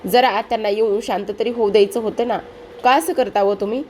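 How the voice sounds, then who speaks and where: A woman's voice: a little high, steady tone, brisk, darkish tone, slight background noise, lightly acted. A woman voicing a troubled middle-aged wife who pleads with and reproaches her relatives. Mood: reproachful.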